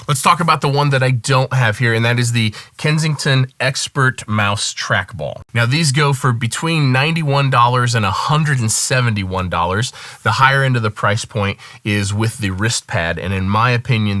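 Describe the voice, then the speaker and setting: A man, a music producer, giving a casual product review and calmly weighing the pros and cons. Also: lowish voice, no room sound.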